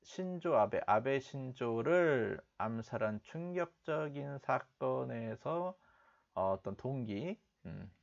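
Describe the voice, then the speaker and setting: Slow, patient male English teacher. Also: mid-range voice, animated, creaky, dull audio. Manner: slowly repeats and breaks down English phrases. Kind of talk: explanatory language lesson.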